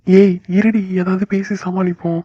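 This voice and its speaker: A man's voice: high-pitched, level tone, normal speed, warm tone, no echo. A man voicing a possessive but tender young boyfriend in a cartoon. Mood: worried. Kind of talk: cartoon voice acting. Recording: dull lo-fi dry recording.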